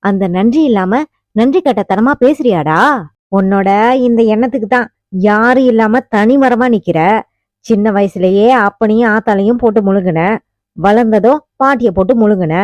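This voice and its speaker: A woman's voice: medium pitch, moderate pace, a little mellow, no echo, natural voice. A woman voicing a furious, scornful older woman who taunts her nephew, in a harsh voice, on a dull, dry recording. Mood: furious, taunting. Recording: dull, muffled audiobook recording.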